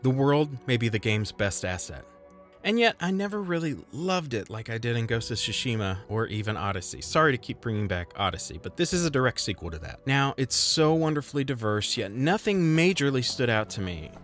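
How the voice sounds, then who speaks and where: Over faint background music, a man narrates a scripted video game review while keeping it conversational and wry, with self-deprecating asides. His middle-pitched voice is sing-song, fairly quick and fairly bright.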